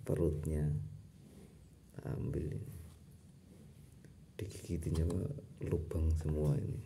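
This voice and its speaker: A man's voice: a bass voice, vocal fry, dark tone, slight background noise. A man talking casually to his pet, coaxing it to sleep. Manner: slow, soothing, coaxing an animal to sleep. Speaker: pet vlogger.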